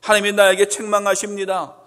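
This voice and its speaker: A man preaching a Sunday sermon as pastor, acting out quotes with swings up to loud, emphatic peaks. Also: high voice, completely flat delivery, fast talker. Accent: Korean. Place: church sanctuary. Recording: long church hall reverb.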